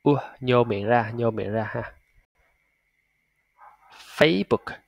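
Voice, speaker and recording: A man teaching English pronunciation, patiently repeating and drilling each sound slowly. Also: medium pitch, level tone, muffled recording. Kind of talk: pronunciation lesson.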